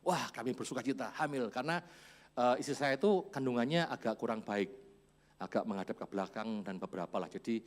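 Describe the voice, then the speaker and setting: A man in his forties preaching a church sermon, storytelling with chuckles and quiet asides. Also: mid-range voice, fairly quick. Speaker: pastor.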